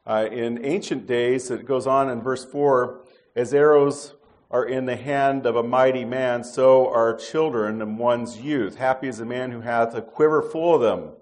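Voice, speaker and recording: Man preaching a calm, unhurried sermon. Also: medium pitch. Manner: unhurried, conversational preaching with frequent fillers and restarts.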